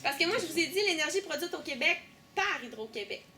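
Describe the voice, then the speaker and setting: A young woman with a Québécois accent guiding a tour group through an underground power station, lively, asking questions and teasing. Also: high-pitched, quick pace, slight background noise. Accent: Québécois French. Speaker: tour guide. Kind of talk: guided tour explanation.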